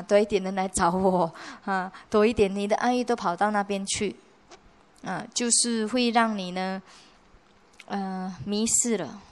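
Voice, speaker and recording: A Buddhist nun giving a conversational dharma lecture in a monastery hall, slipping in English words and often asking her listeners whether they follow. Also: medium pitch. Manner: conversational, mixing English words, frequent rhetorical checks.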